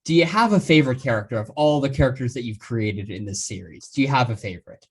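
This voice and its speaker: A man's voice: mid-range voice, expressive, quick pace, husky. A man hosting a casual podcast interview, enthusiastic and full of praise, often stumbling and restarting his words.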